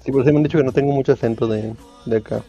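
A man's voice: medium pitch, fairly even intonation, muffled recording, over music. A man with an Aguascalientes accent, bantering with his tabletop group. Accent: Aguascalientes Mexican Spanish. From Aguascalientes, Mexico. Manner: bantering, quick quips. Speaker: tabletop game player. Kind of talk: casual chat on a voice call.

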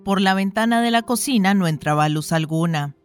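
A woman narrating a short story for an audiobook in a measured, even reading. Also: mid-range voice, soft background music.

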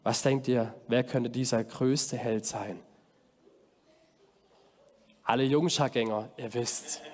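High-voiced energetic man preaching to children. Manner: energetic, calls out to the audience. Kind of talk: lively children's sermon. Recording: long hall reverb.

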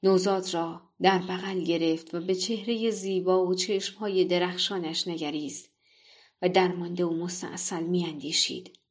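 A woman narrating a folktale in a measured, expressive reading voice. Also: on the low side, slightly rough. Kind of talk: scripted storytelling narration.

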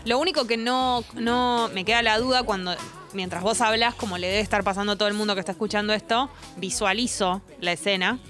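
A woman's voice: medium pitch, fairly even intonation, a little fast, a bit bright, soft background music. A woman with a Rioplatense accent co-hosting a casual podcast chat, joking bluntly and asking listeners to write in. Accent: Rioplatense Spanish. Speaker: co-host.

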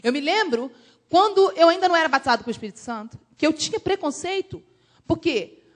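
A woman from Brazil, a missionary preaching a sermon in an animated, emphatic storytelling way. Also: very high-pitched, fast talker.

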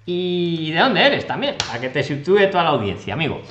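A man with a Spain Spanish accent hosts a live Q&A and speaks brightly and with lots of pitch movement. He is friendly but brisk and keeps each caller on point. His voice has a roomy echo. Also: big pitch swings, highs cut off. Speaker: host of a live Q&A on immigration law.

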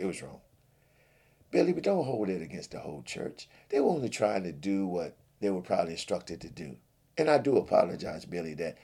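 A man hosting a comedy sketch who speaks calmly in a pleading, preacher-like cadence as he gives advice about how churches treat guests. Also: deep voice, gravelly, slightly rough.

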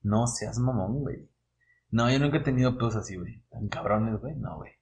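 A man's voice: on the low side, brisk, vocal fry, darkish tone. A young man with a Mexican accent, hosting a casual podcast chat, slangy and crude, dropping güey after nearly every phrase. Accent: Mexican Spanish. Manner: slangy, says güey constantly, reacts with swearing. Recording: echoey room with faint noise.

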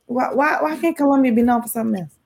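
A woman's voice: on the high side, fast, vocal fry. A woman co-hosting a podcast, bantering in an exasperated, laughing way. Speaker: podcast co-host. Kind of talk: casual chat.

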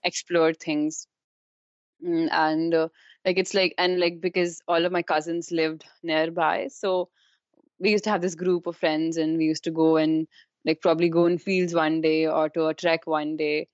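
A woman's voice: low voice, flat delivery, normal speed, smooth. A young woman from Kashmir with a Kashmiri Indian accent, chatting informally as an interview guest and peppering her talk with "like" and "you know". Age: young adult. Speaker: interview guest, university student. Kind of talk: casual conversational interview. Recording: dull, roomy, echoey sound.

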